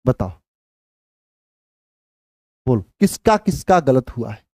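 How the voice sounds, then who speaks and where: A man's voice: medium pitch, big pitch swings, a little mellow, no echo. Hindi-speaking man teaching chemistry, dry close sound. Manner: counts aloud slowly, asks questions and repeats answers. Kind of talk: live online class teaching.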